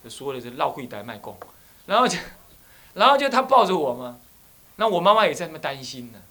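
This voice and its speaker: A man in his thirties, a Buddhist abbot, giving a dharma talk full of animated personal stories and phrases. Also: fairly high pitch, a little fast. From Taiwan. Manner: animated storytelling, slips into Taiwanese phrases.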